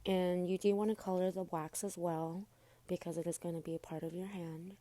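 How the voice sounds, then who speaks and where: A woman's voice: lowish voice, steady tone, moderate pace, warm tone. A woman doing a casual, chatty tutorial voice-over, speaking informally to her viewers with braces in her mouth. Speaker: makeup tutorial host.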